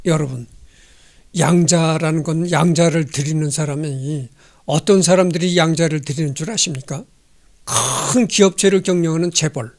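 A man's voice: a little high, normal speed. A man in his sixties hosting a history channel, reading a text aloud and commenting on it in a chatty, digressive way with many rhetorical questions, holding a handheld microphone indoors. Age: 60s. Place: indoor home studio.

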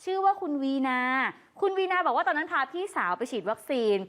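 Chatty high-voiced woman news host. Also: lively intonation, quick pace, a bit bright. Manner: chatty, addresses the viewers directly. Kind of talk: lively tabloid news commentary.

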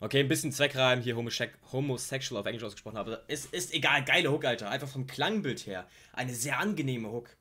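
Animated man reacting to a rap track. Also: fast talker, few pauses, slight background noise. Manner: animated, swinging between loud outbursts and low mutters, heavy slang. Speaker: YouTube reaction host.

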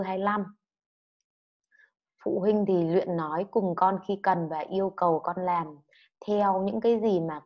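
A woman's voice: fairly low pitch, dull audio. A woman from Vietnam teaching an online English lesson to children, explaining words and having pupils repeat after her. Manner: drills words loudly and has pupils repeat.

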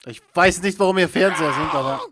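A man giving jokey, excitable commentary while playing a video game, often shouting at it. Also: high voice, quick pace, heavy background noise. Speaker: let's play gamer. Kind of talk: casual gameplay commentary.

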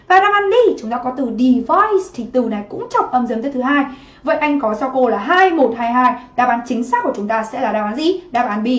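A woman teaching a livestream exam-prep lesson from her home office, chatty and constantly asking students to comment. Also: high voice. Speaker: English teacher. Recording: muffled roomy livestream audio.

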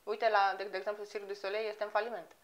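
A woman's voice: mid-range voice, little pitch movement, muffled recording. A woman in her thirties, a singer being interviewed, talking casually and laughing easily. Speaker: guest, singer.

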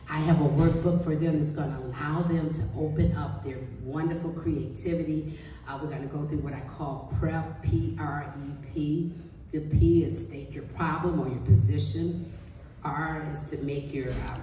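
A deep-voiced woman with a warm tone, a guest author and book coach, gives an emphatic, encouraging motivational panel talk to an audience in a small indoor meeting room. Her handheld mic is captured by a distant camera, so the recording sounds distant and very echoey with faint noise.

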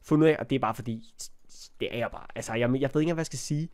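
A man's voice: mid-range voice, darkish tone. A young man with a cold giving chatty let's play commentary on a block-building game, talking to the animals and yelping when startled. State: has a cold. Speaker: gaming YouTuber.

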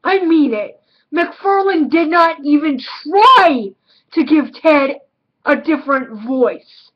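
A woman's voice: sits high, lively intonation, takes it slowly, lo-fi sound. A woman giving a casual film review, blunt and emphatic, repeating words for stress.

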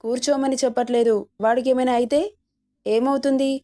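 A woman's voice: sits high, little pitch movement, fairly quick, mellow, natural voice. A woman voicing a stern middle-aged man, a son and a father, who scolds and warns. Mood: worried.

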